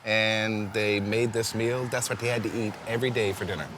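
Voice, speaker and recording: Fast-talking Newfoundland man, low voice. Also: flat delivery, background noise. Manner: easygoing, laughs often. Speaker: boat builder and guest. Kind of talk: casual chat over a meal.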